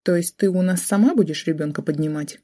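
A woman's voice: on the low side, fast talker, mellow, lightly acted. Woman reading a scornful cold mother. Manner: sarcastic and contemptuous.

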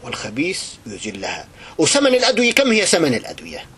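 A male Islamic preacher gives an impassioned religious address. He swings between quiet lament and loud indignation. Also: on the high side, huge pitch swings, fast talker, husky.

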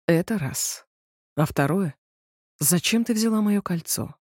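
A woman's voice: fairly low pitch, lively intonation, unhurried, darkish tone, no echo, studio quality. A woman doing a stern, gloomy male maestro. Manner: curt and cold.

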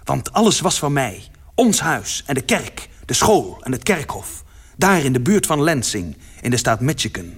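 A man reading a first-person literary story aloud as narrator, with dramatic delivery that swells in its louder passages. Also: mid-range voice, very animated, normal speed, breathy edge.

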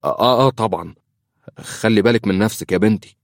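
A man plays a secretive Egyptian priest, hesitant and evasive, in a deep voice. The sound is dry and close, as in a storybook reading. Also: fast, no echo, natural voice. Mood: uneasy. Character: troubled middle-aged male priest, secretive.

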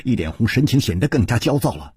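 A male storyteller narrates with a dramatic, animated swing in pitch. His voice is husky and slightly high. The sound is dry and close. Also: fast talker, dry recording.

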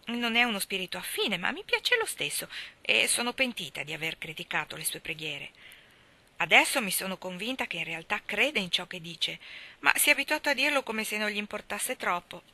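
A woman's voice: medium pitch, sing-song, brisk, pushed and bright, full character voice. A woman voicing a talkative, imaginative orphan girl who speaks effusively and theatrically. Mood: eager.

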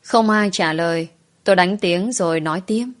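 Woman reading a story out loud, soft and emotional, a bit low pitched. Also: moderate pace. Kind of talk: first-person audio story narration.

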